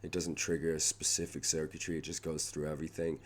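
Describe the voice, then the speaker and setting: A young man rambling through a personal vlog update, halting and restarting often, his voice going hoarse. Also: extremely low pitch, flat delivery. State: losing his voice. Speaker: vlogger.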